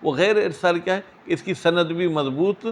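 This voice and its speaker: A man teaching a seminary class, reading Arabic phrases slowly, then explaining them in quick, questioning asides to his students. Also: high voice, a little hiss or hum. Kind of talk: classroom lecture on a legal text.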